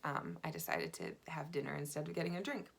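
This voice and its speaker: Low-voiced woman telling a dating story. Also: fast talker, creaky. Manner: chatty, filler-heavy, animated retelling. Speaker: vlogger. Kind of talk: casual dating storytelling to camera.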